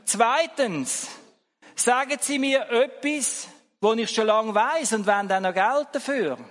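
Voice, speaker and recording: A man's voice: very high voice, takes it slowly, fairly bright tone, long reverb tail, voice pushed up, heavily acted. A man voicing a shrewd shepherd in a joke, listing his points in a dry manner. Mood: triumphant.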